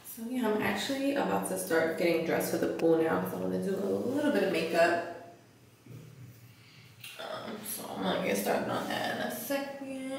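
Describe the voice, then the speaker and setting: A young woman chatting through a hotel room tour with a handheld camera held out at arm's length, gushing and sometimes dropping to a near whisper. Her voice has a gravelly, fry-edged texture, and it bounces around a small tiled room. A faint hiss sits under it. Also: medium pitch, reverberant. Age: young adult. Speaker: vlogger.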